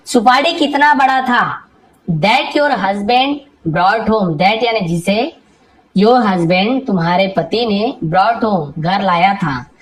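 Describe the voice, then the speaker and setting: A woman teaching English reading in Hindi, reading each English phrase slowly and then explaining it word by word, often asking and answering her own questions. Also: medium pitch, rough recording. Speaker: English tutor.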